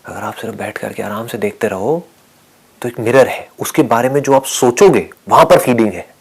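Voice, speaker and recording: A man giving a calm spiritual discourse, speaking softly and often sinking to a whisper, asking and answering his own questions. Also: mid-range voice, normal speed, husky, low-quality recording. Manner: calm, soft-spoken, often dropping to a whisper. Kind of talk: spiritual discourse mixing Hindi and English.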